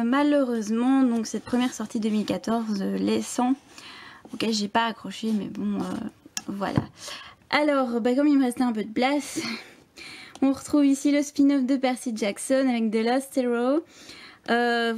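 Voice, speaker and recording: A woman's voice: on the high side, a little mellow. A young woman giving a casual bookshelf tour, chatty and hesitant with many fillers and restarts. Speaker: book blogger.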